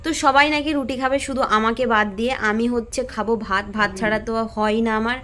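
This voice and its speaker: A woman with a West Bengal Bengali accent narrates her daily home vlog in a chatty, homely way, talking straight to her viewers. Her voice sits a little high. A faint hum of the house runs behind her as she films on her phone. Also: fast, fairly bright tone. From West Bengal, India. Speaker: family vlogger. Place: family home, indoors and on a rooftop.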